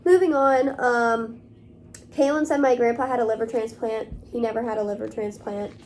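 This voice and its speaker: A woman's voice: fairly high pitch, steady tone, moderate pace, a little mellow, a little hiss or hum. A young woman vlogging to camera in casual talk, rambling along with many fillers. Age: young adult.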